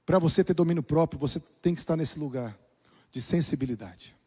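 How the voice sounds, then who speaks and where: High-voiced preaching pastor in a hall. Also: male voice, fairly quick, slightly rough. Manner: preaching with dramatic shifts between soft and loud. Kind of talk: sermon. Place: church. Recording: long reverb of a church hall.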